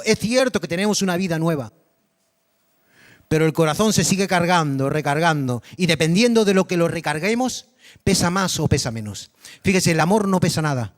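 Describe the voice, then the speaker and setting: Male pastor, high voice, animated sermon delivery that quizzes the congregation. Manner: animated, dramatic storytelling with repetition; addresses the congregation directly with questions. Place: church congregation.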